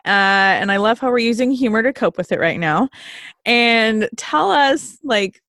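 A woman's voice: on the high side, expressive, unhurried, fairly bright tone, no echo. A woman hosts a casual talk show in a bubbly, loose way, filling gaps with likes and ums. She laughs often, and her voice sounds dry and close to the mic. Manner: bubbly, filler-heavy, laughing. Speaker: podcast host. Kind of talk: casual conversation.

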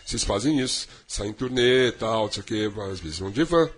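A man's voice: on the low side, lively intonation, a little fast. A man hosting a radio interview, teasing and playful with his guests. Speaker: radio host interviewing a band. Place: radio studio.

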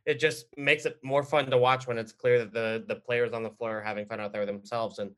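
A young man chats casually as a sports writer on a podcast. His voice is medium in pitch with a bright edge, and he works out his thoughts haltingly as he goes. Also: fairly even intonation.

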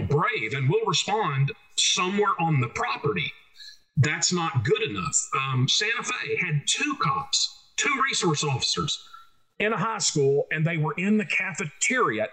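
In this low-quality recording, a man with a high, pushed, bright voice and an Arkansas Southern accent speaks informally. He is a guest expert, a trainer who addresses schools and police, and he is plain-spoken and emphatic, repeating key phrases for stress.

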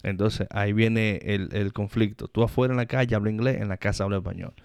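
A man with a fairly low voice and a Dominican accent talks casually. He uses street slang and restarts his phrases, repeating small words. The recording is dry, with very little room sound. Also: fairly even intonation, fast, a little mellow, smooth, no room sound. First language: Spanish. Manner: colloquial slang, stop-and-start repetitions. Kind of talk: casual chat and anecdotes.

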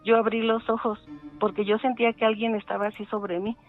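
Casting: middle-aged woman caller, halting and full of fillers, tinny phone line, faint music behind. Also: on the high side, flat delivery. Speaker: caller telling a ghost story. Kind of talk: casual phone storytelling.

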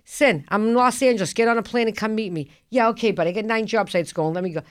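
In a radio studio, a woman in her 50s hosts a casual talk show, speaking fast in a slightly high voice. She's blunt and emphatic, often repeating herself, and the recording is dry and studio quality.

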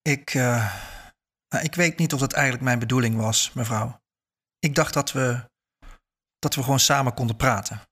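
A man's voice: mid-range voice, normal speed, long pauses, fairly bright tone, breathy edge. A man doing a nervous stout businessman. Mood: hesitant. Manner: hesitant, stammering.

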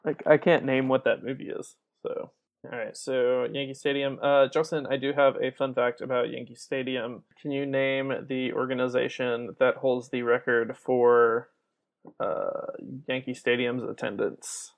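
A man's voice: mid-range voice, little pitch movement, measured pace, vocal fry. Chatty man quizzing his co-host. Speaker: podcast co-host. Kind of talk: casual podcast chat.

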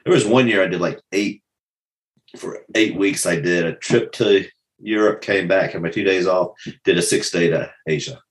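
A man in his fifties with a very deep voice talks as a guest in relaxed conversation. He tells animated stories, doubling up words as he finds his way into sentences. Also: moderate pace. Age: 50s. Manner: animated storytelling, repeats words as he starts. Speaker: guest, self-defense instructor. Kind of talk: casual conversation.

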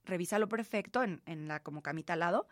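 A woman in her thirties with a Mexican accent, chatting as host and telling a birth story with lots of warmth and quoted dialogue. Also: fairly low pitch, fast, no room sound, clean studio sound. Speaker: podcast host. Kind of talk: casual chat.

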